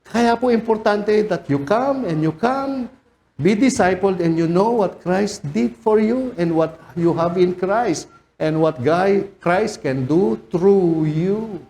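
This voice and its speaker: A man preaching a sermon as pastor, animated, joking and shouting out rebukes. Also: sits high, slow. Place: church sanctuary.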